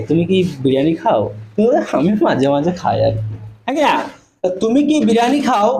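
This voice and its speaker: A man's voice: high-pitched, warm tone, poor audio. Male teacher in a classroom, patient step-by-step explainer, light background noise. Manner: explains step by step, spells words letter by letter, checks in with "okay?". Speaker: English teacher. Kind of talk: classroom lesson in spoken English.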